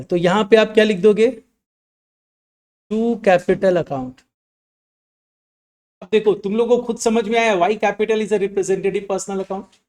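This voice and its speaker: Guy teaching accounts to a class, keeps asking stuff then answering it, dictates definitions real slow. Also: high-pitched, darkish tone. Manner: asks students frequent questions and answers them himself; slows down to dictate definitions word by word. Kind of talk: classroom lecture in mixed Hindi and English.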